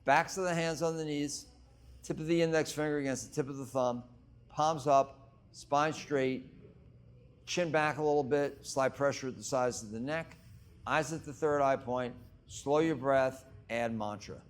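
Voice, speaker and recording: Slow-paced male breathwork instructor. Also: mid-range voice, clear, resonant tone. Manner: measured, short phrases with long pauses. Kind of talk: guided exercise instruction.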